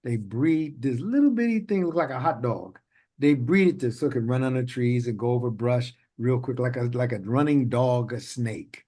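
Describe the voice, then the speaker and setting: A man hosting an interview podcast talks in a mid-range, dark-toned voice at normal speed. Casual and chatty, he rambles into long stories and breaks into laughter often.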